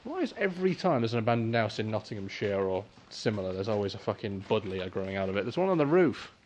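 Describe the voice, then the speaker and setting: Filming himself on a phone camera outdoors, a young man explores a cold abandoned building, swearing and joking drily in casual vlog chat. His lowish voice is sing-song, fast and a little mellow, with a little hiss or hum in the recording.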